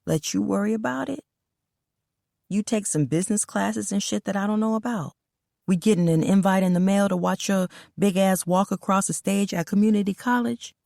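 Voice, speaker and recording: A woman's voice: medium pitch, moderate pace, creaky, warm tone, no room sound, pitched above the performer's own voice, lightly acted. Woman doing a guarded, sarcastic streetwise man. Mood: wary. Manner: dry, sarcastic.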